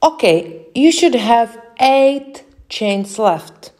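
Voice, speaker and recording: A young Czech woman with a Czech accent, giving slow step-by-step crochet instructions with frequent hesitations. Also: a little high, expressive, darkish tone. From Czech Republic. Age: young adult. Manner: slow, careful, with many hesitations. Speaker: crochet tutorial host.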